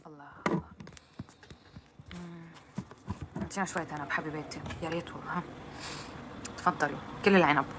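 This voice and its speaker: A woman's voice: low voice, steady tone, very fast, noisy background. Chatty woman streaming live. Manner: chatty, answers viewers while eating, mixes in English. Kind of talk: casual live-stream chat.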